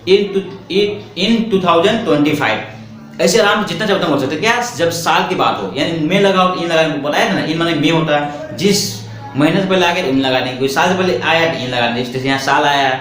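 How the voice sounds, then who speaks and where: A man teaching a spoken English lesson in Hindi. He asks questions and answers them himself, and he slows right down for the English example sentences. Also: fairly high pitch, a bit bright. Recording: echoey room with faint background noise.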